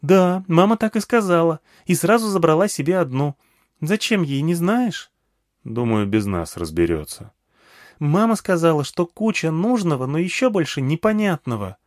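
A man voicing a chatty, excitable little girl who fires off eager questions in an audiobook. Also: on the high side, moderate pace, no room sound, studio quality, voice pushed up. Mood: chirpy.

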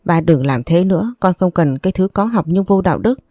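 Phụ nữ đọc vai cô tiểu thư nũng nịu. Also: female voice, lowish voice, lively intonation, a little fast, warm tone, no room sound, studio quality. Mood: pleading. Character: young woman, spoiled but loving rich daughter.

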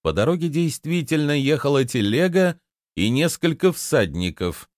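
A man's voice: on the high side, very animated, moderate pace, dry recording, clean studio sound. Man narrating a fantasy audiobook.

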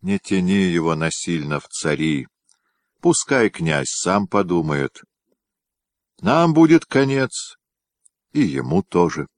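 Man doing a worried boyar plotting in hushed tones, low and slow. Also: big pitch swings, no echo, studio quality, exaggerated voice. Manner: hushed, measured.

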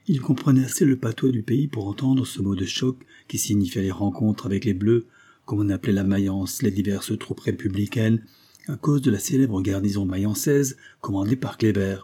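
A man reading a classic story aloud in a steady, measured way. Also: fairly low pitch, husky. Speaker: audiobook reader. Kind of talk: scripted narration of a classic novel.

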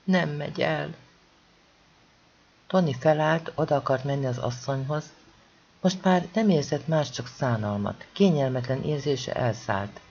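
An audiobook reader narrating a novel expressively, with strong swings in pitch and loudness. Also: breathy edge, muffled recording.

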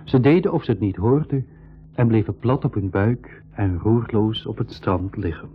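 A man with a Flemish accent giving slow, measured first-person narration in a 1980s radio play. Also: on the low side, natural voice. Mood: calm. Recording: tinny lo-fi 1980s radio recording.

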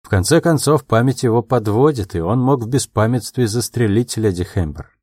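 A man voicing a calm, earnest young man in love in an audiobook, speaking quietly and in a measured way. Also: medium pitch, no room sound, clean studio sound, natural voice. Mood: probing, calm.

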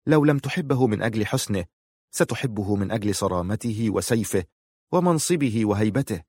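A man narrating a novel in a measured, emotive way. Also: on the low side, lively intonation, darkish tone, husky, no room sound. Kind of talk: audiobook narration.

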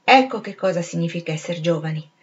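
A middle-aged man wonders wryly to himself in an audiobook, read by a woman. His thoughts come quietly and a little lower. The recording is slightly dull. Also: animated, fast, slightly rough. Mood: musing. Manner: musing, wondering. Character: middle-aged man musing, curious and wry. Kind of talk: audiobook reading.

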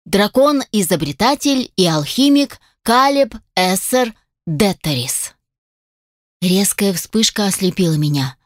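A woman narrating a fantasy audiobook at a measured, steady pace. Her voice sits in a middle register. The sound is dry and close, with no room around it. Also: mid-range voice, no room sound. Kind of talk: scripted first-person fantasy narration.

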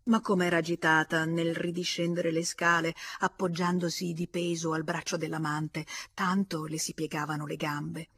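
A woman reading a classic novel aloud as an audiobook, narrating in a measured, expressive way with an Italian accent. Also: sits low, breathy edge. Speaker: audiobook reader.

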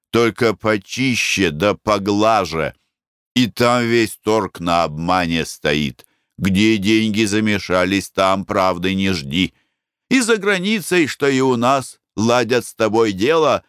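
A man's voice: lowish voice, fairly bright tone, smooth, no room sound, clean studio sound. A man voicing a well-traveled merchant who talks in a wry, moralizing way in an audiobook.

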